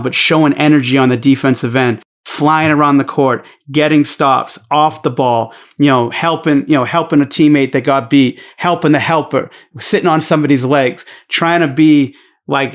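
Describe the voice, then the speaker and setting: A man with a Boston accent, a podcast guest talking bluntly and emphatically, with some swearing and plenty of restarts. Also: on the high side. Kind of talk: casual podcast chat.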